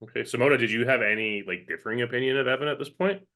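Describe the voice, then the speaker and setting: A man's voice: mid-range voice, very fast, pushed and bright. A man hosting a casual interview and asking loose, slangy questions. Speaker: host.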